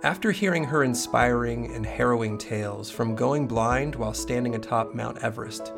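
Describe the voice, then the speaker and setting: A man hosts an interview podcast, his voice carrying a gravelly rasp. He asks his questions in a friendly, measured way, with faint instrumental music playing behind him. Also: mid-range voice. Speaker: podcast host.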